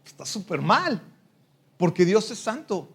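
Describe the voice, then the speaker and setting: High-voiced pastor teaching a Bible class. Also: male voice, sing-song, measured pace, fairly bright tone, slightly rough. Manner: conversational teaching with rhetorical questions and acted-out prayers.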